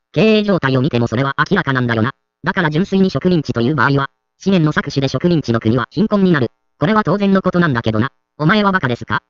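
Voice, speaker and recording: A man reads short online comments aloud at a brisk clip, moving straight from one post to the next. His voice is a little high for a man and comes across smooth and crisp. The track is dry and slightly dull, like a lo-fi voice-over. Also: dry recording.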